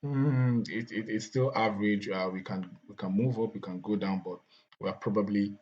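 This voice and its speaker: A man talking through market charts, repeating words often and filling pauses with "uh". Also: on the low side, fairly even intonation, darkish tone, lo-fi sound, a little hiss or hum. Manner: repeats words, many fillers and restarts. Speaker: crypto market analyst. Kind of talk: chart analysis talk.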